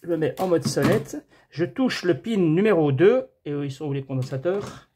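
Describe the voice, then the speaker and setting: A man's voice: a little high, animated, moderate pace, dark tone, a little hiss or hum. A man giving a casual hands-on TV repair tutorial, chatting to viewers as friends and thinking aloud as he measures. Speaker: TV repair technician.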